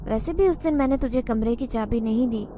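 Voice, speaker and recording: Storybook part: a bossy, caring mother, read by a woman narrator, brisk and scolding, high voice with a soft warm tone. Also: slight background noise, close to an everyday voice. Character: bossy middle-aged mother, fussy and caring.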